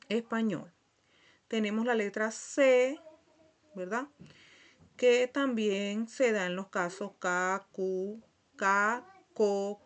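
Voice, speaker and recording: Woman, language teacher, slow steady pace, mid pitch, patient, frequent tag questions. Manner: patient, checks in with frequent "¿verdad?"; spells out letters one by one. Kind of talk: slide-based Portuguese lesson for Spanish speakers.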